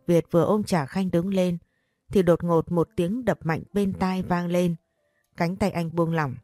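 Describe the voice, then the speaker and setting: A woman narrating a story in a steady reading voice. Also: on the low side, measured pace, dry recording, clean studio sound. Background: faint music.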